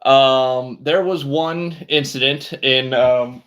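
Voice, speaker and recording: A man's voice: medium pitch, fairly even intonation, takes it slowly, a bit bright, muffled recording. A man hosting a casual book review livestream, talking in a rambling, conversational way with many fillers and restarts.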